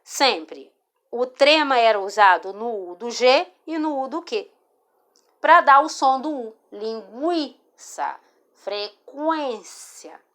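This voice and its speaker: This teacher from Brazil has a high-sitting, bright, forceful voice and a Brazilian Portuguese accent. She patiently explains a spelling lesson over a screen recording made with a phone or screen recorder mic, speaking slowly, repeating words and checking in with "tá?".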